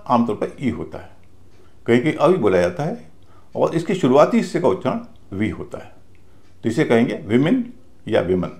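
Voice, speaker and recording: Guy teaching pronunciation, slow and careful, spells words out, lots of fry in his voice. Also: medium pitch, a little mellow. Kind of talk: pronunciation lesson.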